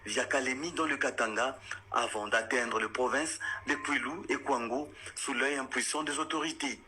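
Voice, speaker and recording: A man reading a scripted news report in a measured, formal delivery. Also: medium pitch, steady tone, background noise.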